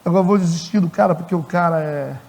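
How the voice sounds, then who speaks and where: A man with a Brazilian accent preaches in a high, husky voice and acts out everyday dialogues to make his points. The sermon echoes through a church hall with a long reverb. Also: quick pace. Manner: animated, acts out dialogues in character. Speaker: pastor. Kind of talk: conversational sermon.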